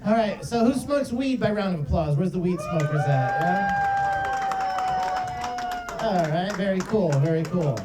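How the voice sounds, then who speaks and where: A man's voice: high-pitched, huge pitch swings, a little slow, pauses often, over loud music. Guy doing standup, keeps saying right?, club crowd noise behind, far off mic. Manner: chatty, riffs with the crowd, lots of "right?". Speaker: stand-up comedian. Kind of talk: stand-up comedy set. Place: comedy club stage, live audience. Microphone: handheld mic heard from a far camera. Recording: roomy club sound from afar, crowd.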